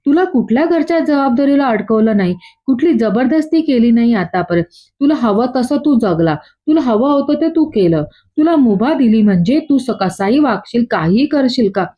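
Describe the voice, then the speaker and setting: A woman's voice: on the high side, expressive, normal speed, warm tone. A woman voicing an angry mother who sternly scolds her son. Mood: scolding. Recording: dull lo-fi.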